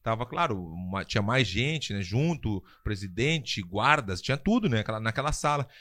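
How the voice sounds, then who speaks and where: A man's voice: fairly low pitch, expressive, moderate pace, fairly bright tone. A man telling a story in casual podcast chat, acting out quotes and laughing often. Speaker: podcast guest telling a fight-world story.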